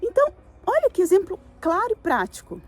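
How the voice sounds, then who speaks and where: A middle-aged woman with a Brazilian Portuguese accent gives a casual spiritual talk to camera, chatty, with many fillers and tag questions, and quotes herself in lively voices. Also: extremely high pitch, brisk. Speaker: spiritual YouTuber.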